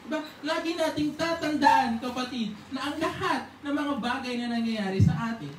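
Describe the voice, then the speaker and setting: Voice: sits high, moderate pace. Preacher in an echoey church hall. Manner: conversational preaching, keeps asking "di ba?" and acting out prayers. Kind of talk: sermon. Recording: echoey hall, voice from far off, faint hiss.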